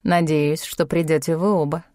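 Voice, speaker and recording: Woman voicing a solemn low Tibetan guide. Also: flat delivery, a little mellow, no room sound, clean studio sound, lightly acted. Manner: measured, solemn and knowing. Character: low, slow-spoken Tibetan male guide. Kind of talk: audiobook character voice.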